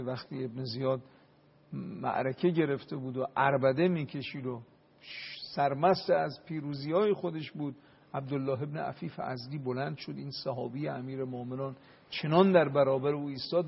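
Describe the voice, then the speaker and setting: A man giving an impassioned religious talk and prayer, building up to loud emphasis at times. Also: mid-range voice, vocal fry, husky. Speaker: religious speaker. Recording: dull lo-fi radio broadcast.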